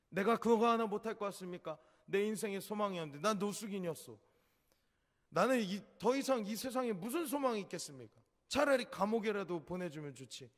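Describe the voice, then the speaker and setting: A preacher acting as an anguished homeless brawler. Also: male voice, high-pitched, in a large hall, pitched above the performer's own voice. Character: weeping middle-aged homeless man, once a brawler.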